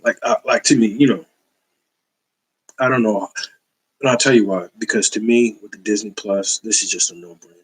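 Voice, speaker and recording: A man with a very low, husky voice talks his way through a comic book haul in a relaxed, slangy ramble. He stops and restarts often, with lots of fillers, like he is chatting with friends on a casual video. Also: normal speed, pauses often, poor audio. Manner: laid-back, slangy, rambling with many fillers.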